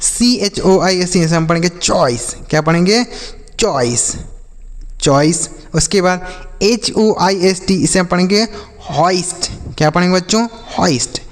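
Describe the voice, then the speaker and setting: A man's voice: high-pitched, measured pace, big-room sound. A man teaches English phonics to students. He keeps quizzing them with questions and then answering them himself. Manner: repetitive quiz-style questions and answers. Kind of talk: classroom-style phonics lesson.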